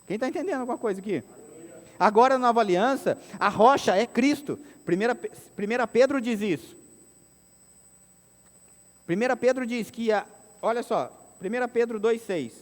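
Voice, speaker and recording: A man's voice: very high-pitched, animated, moderate pace, pauses often. A man with a Brazilian Portuguese accent preaching a sermon, often asking the congregation whether they follow. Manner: preaching with call-and-response questions to the congregation. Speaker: pastor. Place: church hall. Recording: long church hall reverb.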